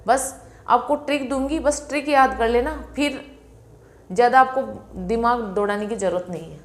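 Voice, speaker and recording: Confident woman teaching exam tricks. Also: on the high side. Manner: confident, repeats key terms slowly for memorising. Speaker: Sanskrit teacher. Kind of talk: exam-prep lecture.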